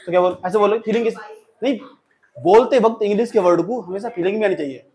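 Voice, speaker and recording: High-voiced Indian man teaching a class. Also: quick pace, dark tone. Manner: mixes Hindi and English, acts out sample sentences. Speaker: English teacher. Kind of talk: classroom lecture.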